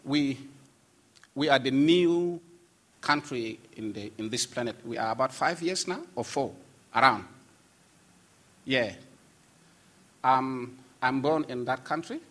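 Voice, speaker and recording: A man's voice: medium pitch, slow pace, pauses often, a bit bright. A man from Sudan, a pastor giving an earnest, emphatic testimony with frequent restarts. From South Sudan. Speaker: pastor and guest. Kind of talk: testimony in conversation.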